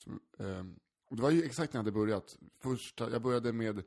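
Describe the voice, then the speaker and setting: A man's voice: medium pitch, gravelly. En man som berättar en pinsam anekdot i ett avslappnat samtal, skrattar ofta, svär och spelar upp röster. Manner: animated, acts out voices in anecdotes, swears freely; laughs often while talking. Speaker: stand-up comedian, podcast co-host. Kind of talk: casual storytelling chat.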